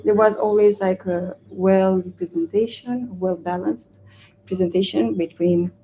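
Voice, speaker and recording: A woman's voice: medium pitch, fairly even intonation, a little slow, mellow, muffled recording, slight background noise. A young woman from Romania giving a casual talk at a community meetup, hesitant with many fillers and frequent laughs, recorded from a far camera in a large indoor room. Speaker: community speaker.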